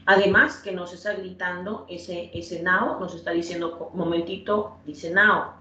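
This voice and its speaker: Speaking a little slowly in a fairly low, pushed, bright voice with fairly even intonation, this woman patiently works through English grammar. She goes over points again and calls on students by name to quiz them. Audio is lo-fi, dull, distant, and roomy.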